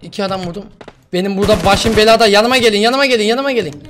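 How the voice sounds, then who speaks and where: A man hosting a gaming video, reading a sponsor spot and then loudly teasing and bossing his teammates during play. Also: high voice, racing, noisy background. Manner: loud, teasing, bossy with teammates. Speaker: gaming YouTuber host. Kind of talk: sponsor read and gameplay commentary.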